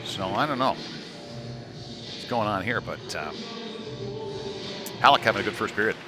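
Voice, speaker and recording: Over music and the background noise of a live rink stream, a man with a lowish voice gives folksy, loose play-by-play of a youth hockey game at an indoor ice rink. His intonation is lively and his pace measured.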